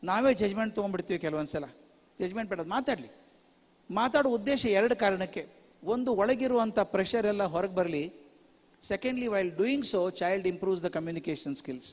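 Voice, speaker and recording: A high-pitched older man lectures to a conference of teachers, acting out little scenes between parents and children as he goes. His voice rings with a long reverb from the big hall he speaks in. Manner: animated storyteller, acts out parents and children in quick asides. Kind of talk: lecture mixing Kannada and English. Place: large hall.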